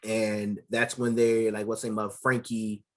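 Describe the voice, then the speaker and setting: A man's voice: on the low side, measured pace. A man co-hosting a casual anime review podcast, rambling through plot recaps with slang and lots of fillers. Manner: rambling, loose slang, many fillers, animated retellings. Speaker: podcast co-host.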